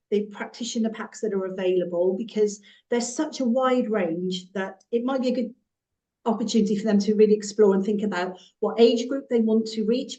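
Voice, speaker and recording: Mellow-voiced woman explaining. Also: mid-range voice. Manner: fluent, explanatory, slips into a sing-song voice for examples. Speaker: guest from a children's music and movement company. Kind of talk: podcast interview.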